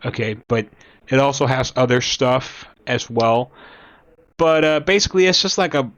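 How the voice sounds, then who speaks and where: A young man born in Cuba talks casually to his viewers, rambling and halting, and sometimes reads aloud from an article. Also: mid-range voice, lively intonation, a bit bright, highs cut off. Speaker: commentator. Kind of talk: casual talk to camera.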